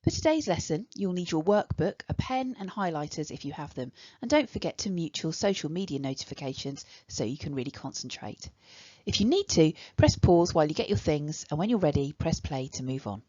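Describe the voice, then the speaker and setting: English woman teacher, low and dry. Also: animated, brisk, mellow, no echo, highs cut off. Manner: clear, instructive, step-by-step. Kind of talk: recorded online lesson.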